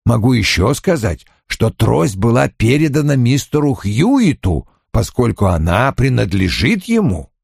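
Man reading haughty detective, lecturing, slow and gravelly, dry close sound. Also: mid-range voice, big pitch swings, darkish tone, dry recording, exaggerated voice. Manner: measured, lecturing. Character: older male detective, haughty and deliberate. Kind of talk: audiobook reading.

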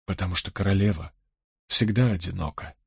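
A man voicing an older male gleeman, low and soft-spoken, gruff but gentle and rueful, with a husky voice. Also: expressive, normal speed, no echo, clean studio sound. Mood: tender.

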